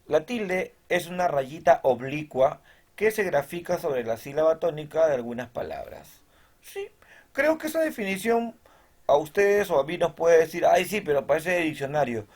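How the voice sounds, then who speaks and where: This man's voice sits on the high side, with a sing-song, slightly mellow quality and a normal pace. He's a teacher in a recorded lesson, explaining things one step at a time, checking in with students after nearly each point, and reading textbook definitions out loud.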